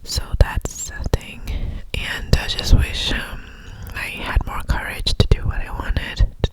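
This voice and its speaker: A woman's voice: unhurried, rough recording. A young woman whispering breathily into cupped hands in ASMR style, reflecting in a hesitant, personal way. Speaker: ASMR host. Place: alone in a room at home.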